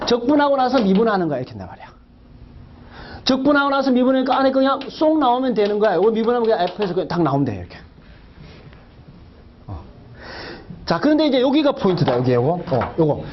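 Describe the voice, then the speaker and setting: A middle-aged male math teacher with a high voice that swings widely up and down as he talks. He jokes and fires rhetorical questions at his class. The recording is muffled and lo-fi, with a faint hiss underneath. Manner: chatty, jokey, talks to students with many rhetorical questions. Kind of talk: lecture.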